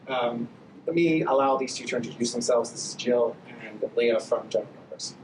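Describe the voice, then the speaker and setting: A man moderating a panel on a conference stage, chatty and relaxed with many fillers. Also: mid-range voice, fairly quick. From born in Hawaii, raised in the UK. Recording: echoey hall, mic far off, audible noise.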